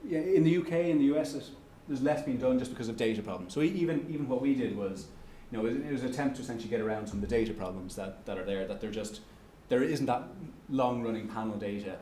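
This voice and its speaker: Speaking with a warm tone in a mid-range voice, an Irish man answers questions from the audience at an economics lecture. He halts often, with many restarts and fillers, and the echoey lecture room recording has a little hiss or hum.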